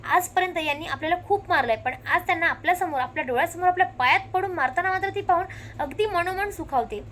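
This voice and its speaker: A woman with a very high, fast voice gives a lively recap of a television serial episode, relaying the characters' lines one after another. A little hiss or hum is present.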